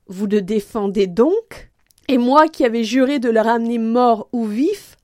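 A woman's voice: medium pitch, slow, darkish tone, no room sound, clean studio sound, natural voice. A woman voicing a proud, hot-headed young male swordsman with a Gascon accent in a read-aloud story, declaiming his lines with fiery emphasis. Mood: despairing.

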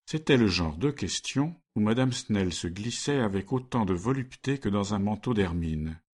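A man narrating a story in a measured, steady way. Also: on the low side. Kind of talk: scripted narration.

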